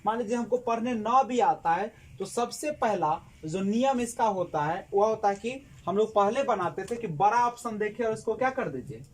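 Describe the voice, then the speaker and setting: A woman's voice: medium pitch, animated, normal speed, few pauses. A woman teacher giving an exam-prep lesson, asking the class questions and answering them herself, repeating key words.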